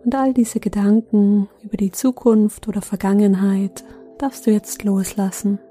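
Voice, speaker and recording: A woman guides listeners toward sleep in a deeply mellow, warm voice of medium pitch. Her delivery is soothing and gentle, leaving long, unhurried pauses between phrases. Faint music runs behind her. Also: level tone, slightly rough. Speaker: meditation guide, host.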